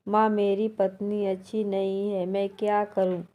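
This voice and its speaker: A woman's voice: mid-range voice, level tone, unhurried, dark tone, natural voice. A woman voicing a devoted grown son who protects his mother, in a storybook reading.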